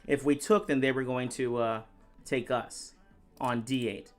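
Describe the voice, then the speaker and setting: A man's voice: medium pitch, steady tone, a little slow, faint music behind. A man giving live-stream chess commentary, thinking aloud move by move and chatting with viewers.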